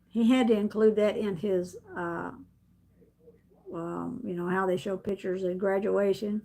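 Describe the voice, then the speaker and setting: Telling a story to a camera set up in front of her, a middle-aged woman hosts a live stream from home in a mid-range voice that is gravelly yet mellow. She rambles chattily, laughs often, and restarts her sentences.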